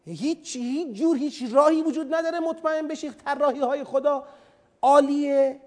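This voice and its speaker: A man with a high-pitched voice delivers a Quranic commentary lecture to listeners. He drops to hushed, low-toned lines and then pushes out loud, insistent bursts. He makes his points through homely comparisons to a craftsman winning customers. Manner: uses everyday craftsman and customer analogies. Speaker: preacher teaching Quran commentary.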